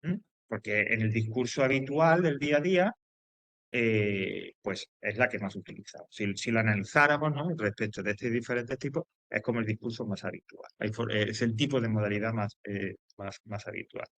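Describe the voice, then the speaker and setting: A man's voice: on the low side, normal speed, fairly bright tone, no room sound. A man teaching a grammar lesson, explaining with repetition and frequent check-ins with his students. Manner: loose, hesitant phrasing with fillers and restarts.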